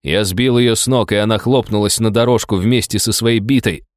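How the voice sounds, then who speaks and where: A man reads a first-person audiobook story in a low voice. His delivery is steady and even. The recording is dry and close, with no room sound. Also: moderate pace, no room sound. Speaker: audiobook narrator. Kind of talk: scripted first-person narration.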